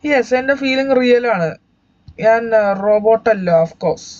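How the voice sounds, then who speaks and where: A man's voice: very high voice, a little slow, muffled recording. A young man and YouTube gamer giving chatty, joking let's-play commentary, talking to his viewers as guys.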